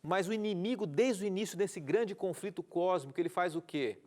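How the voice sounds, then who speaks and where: On a TV program in a studio, a pastor with a Brazilian Portuguese accent teaches a Bible study, earnestly repeating key words and asking rhetorical questions. He reads out viewer messages with greetings, speaking a little fast in a high, slightly mellow voice.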